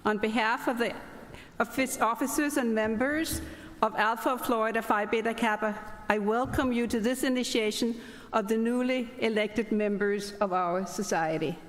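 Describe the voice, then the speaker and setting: A middle-aged Danish woman with a Danish accent, a chapter president acting as ceremony host, gives a formal welcome speech with chatty asides. Her voice is fairly high and her pace moderate. The hall sounds reverberant.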